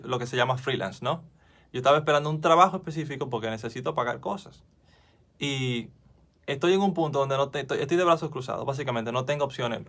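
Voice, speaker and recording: A man's voice: medium pitch, fairly bright tone. A man gives informal Bible teaching straight into his phone, recorded at home. His manner is earnest and conversational. He restarts his sentences and asks viewers questions as he goes. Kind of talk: informal devotional teaching to camera.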